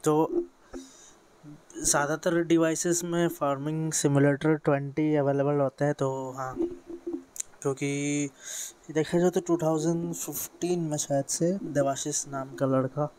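A man's voice: a little high, level tone, a little slow, darkish tone, clean tone. A teenage boy from India talks through a mobile game tutorial in a casual, rambling way, full of fillers and self-corrections. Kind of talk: casual screen-recorded tutorial. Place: bedroom with a fan running.

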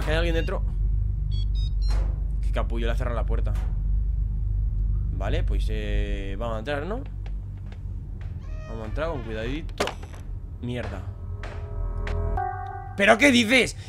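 Chatty Spanish gamer with music behind. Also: male voice, a little high. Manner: chatty, muttering to himself, bursts of excited yelling. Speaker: gameplay youtuber. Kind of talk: let's play commentary.

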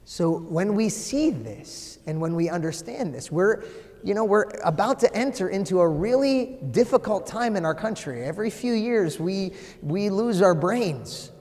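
A man preaches in a big sanctuary, his fairly high voice ringing with long church reverb. He is animated, swinging between loud emphasis and a near-whisper. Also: measured pace. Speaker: priest. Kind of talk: sermon. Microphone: far camera, no visible mic.

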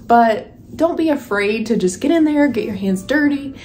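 With background music playing, a woman in her thirties walks through the rooms of her house for a home decor and lifestyle vlog. She speaks casually and encouragingly straight to her viewers in a slightly high, somewhat mellow voice with lively intonation and a moderate pace.

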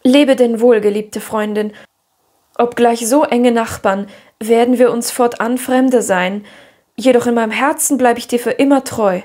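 A woman's voice: fairly high pitch, steady tone, unhurried, a little mellow. A woman voicing a dreamy, imaginative orphan girl who speaks in lofty, theatrical phrases in an audiobook. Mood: solemn, romantic.

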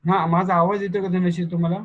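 Husky teacher quizzing his class. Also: sits high, level tone, no echo, highs cut off. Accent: Marathi. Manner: quizzes students, dictates notes slowly. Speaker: programming teacher. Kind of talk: online class lecture. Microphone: video call.

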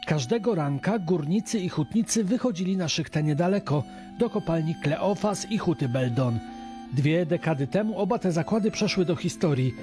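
A man narrating a scripted television news report as the reporter. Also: fairly high pitch. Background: music.

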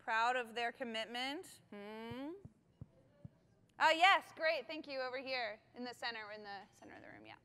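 Upbeat woman running a workshop, bright voice, echoey big hall. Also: fairly high pitch, big pitch swings, moderate pace, clear, resonant tone. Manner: upbeat, directive, checks in with "okay?". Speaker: conference workshop facilitator. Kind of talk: giving instructions to a conference audience. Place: large conference hall stage. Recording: reverberant conference hall.

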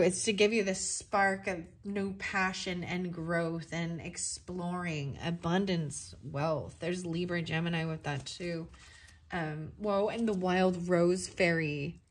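Young woman tarot reader, slightly low voice, chatty and excitable, thinks aloud. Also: husky. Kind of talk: casual tarot reading.

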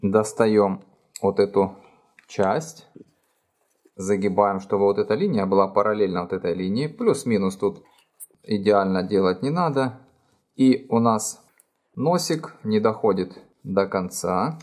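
A middle-aged man calmly explaining each fold in a step-by-step origami tutorial, recorded indoors at a table. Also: on the low side, measured pace. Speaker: origami instructor. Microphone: overhead camera framing hands only.

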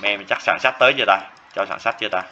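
A man's voice: on the low side, racing, pushed and bright. A man teaching a math lesson, repeating phrases and often checking whether students follow. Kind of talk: classroom lecture. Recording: dull lo-fi classroom recording with faint noise.

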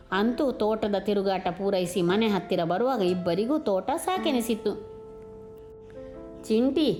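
A woman narrating a village story aloud in a calm, measured storytelling manner, with faint music underneath. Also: mid-range voice. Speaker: storyteller, channel host. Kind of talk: audiobook narration.

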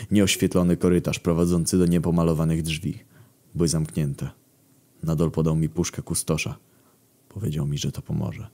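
A man's voice: low voice, warm tone. A man reading a scripted comic story in first person, dry and matter-of-fact with mock-heroic swagger. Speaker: story narrator.

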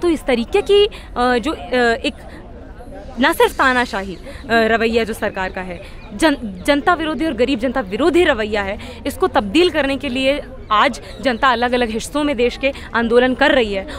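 High-voiced young woman, fiery activist. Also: expressive, moderate pace, a faint crowd. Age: young adult. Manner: fiery, rhetorical, many fillers and restarts. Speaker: student activist at a protest. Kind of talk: impassioned street interview. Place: outdoor street protest in a crowd. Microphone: several handheld press mics held close.

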